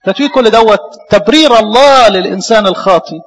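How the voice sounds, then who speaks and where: Egyptian priest, sermon; bright high voice, long hall reverb, questions the flock. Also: male voice, quick pace. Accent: Egyptian Arabic. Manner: animated preaching with rhetorical questions.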